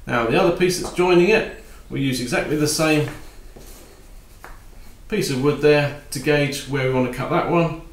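Calm man teaching woodworking, echoey room. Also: on the high side, normal speed, a little hiss or hum. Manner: calm, practical, talks while working. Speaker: woodworking instructor. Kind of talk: step-by-step workshop tutorial. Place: home workshop at a workbench.

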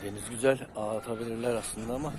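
A man chats casually as he gathers eggs, counting each one aloud and talking sweetly to his chickens. His voice sits at an ordinary pitch. The recording is made outdoors, and clear background noise runs under his voice. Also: steady tone, fast talker. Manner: counts aloud and talks fondly to his hens. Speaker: chicken keeper. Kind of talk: casual vlog while collecting eggs. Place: outdoors in a chicken yard by the sea.

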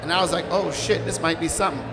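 A man from New York, a guest at a live brunch event, telling his stories in a relaxed, animated way. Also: fairly high pitch, fast talker, music in the background. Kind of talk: casual interview storytelling.

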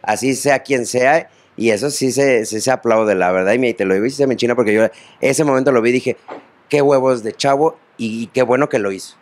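A man's voice: medium pitch, fast talker, hardly any pauses. A man with a Mexican accent hosting an interview, asking long, meandering questions full of fillers. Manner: rambling, hesitant questions with many fillers. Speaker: interview host. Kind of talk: casual interview.

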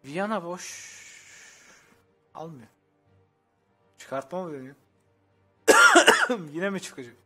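A man's voice: fairly high pitch, takes it slowly, long pauses, slightly rough, faint music behind. A young man streaming and observing a strategy game league, commenting to his chat and groaning in exasperation at the players.

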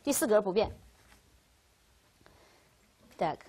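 A woman teaching a Russian grammar class, lecturing lively and asking questions she answers herself. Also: mid-range voice, takes it slowly, slightly rough.

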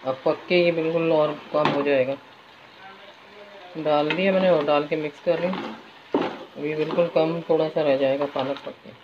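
At normal speed and with long pauses, a low-pitched woman casually narrates her cooking in a home kitchen, keeping a steady tone. She's a home cooking vlogger filmed on a phone with dull sound and a loud sizzle of frying and stirring behind her.

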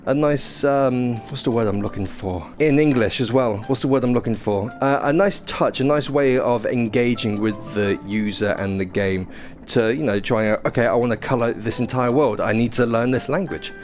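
A young gaming YouTuber with a medium-pitched, darkish voice talks at a moderate pace into a headset mic. He gives casual, self-deprecating first impressions of a VR game in a small indoor room, reading prompts aloud over game music.

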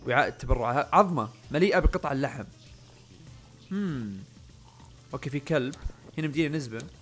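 A young man giving casual let's-play commentary, muttering to himself and yelling when things go wrong. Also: medium pitch, expressive, a little fast, soft background music. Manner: chatty, often muttering under his breath, bursts of panicked yelling. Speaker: gaming channel host.

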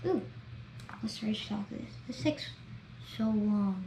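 A woman talking through a video game as she plays, chatty and excitable, narrating each step. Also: medium pitch, slow pace. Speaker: gameplay vlogger. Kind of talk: gameplay commentary. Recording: roomy echo, faint background noise.

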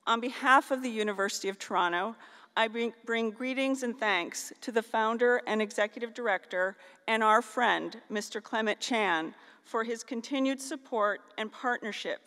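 This formal graduation keynote comes from a middle-aged woman from northeastern Ohio, US, speaking into a podium mic on a stand in a large auditorium, where long reverb trails her words. Her voice is a little high and sharp, at an ordinary pace.

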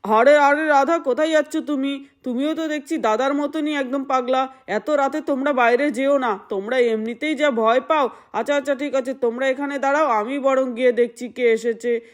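A woman's voice: sits high, fairly even intonation, moderate pace, lightly acted. A woman voicing a protective husband who reassures his wife, in a doll-play story. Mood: reassuring.

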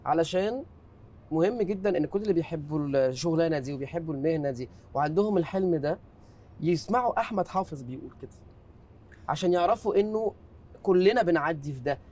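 A man's voice: on the high side, lively intonation, fast, darkish tone. An Egyptian man with an Egyptian Arabic accent hosting a film interview, eager and emphatic, often affirming his guest. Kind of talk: interview conversation.

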